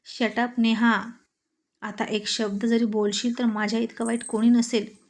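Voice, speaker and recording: A woman voicing a hot-tempered young husband who scolds loudly, in an audio story. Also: a little high, fairly even intonation, a little slow, close to an everyday voice. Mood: angry. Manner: shouting, scolding.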